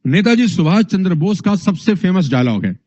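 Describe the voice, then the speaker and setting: High-voiced energetic male speaking trainer. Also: normal speed, dry recording. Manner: energetic and animated, acts out examples. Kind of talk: motivational lesson. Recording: dull, dry recording.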